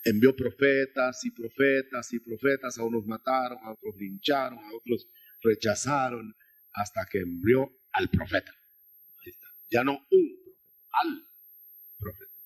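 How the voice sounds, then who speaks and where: A man's voice: fairly low pitch, husky. A man preaching a sermon, explaining scripture in a teaching manner, addressing listeners as brother and often restarting his phrases. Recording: 1990s.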